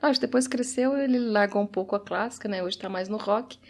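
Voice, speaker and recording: A woman's voice: medium pitch, brisk, a little mellow. A Brazilian woman, a teacher, co-hosting a podcast and chatting in a personal way with family anecdotes. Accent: Brazilian Portuguese. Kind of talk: casual podcast chat.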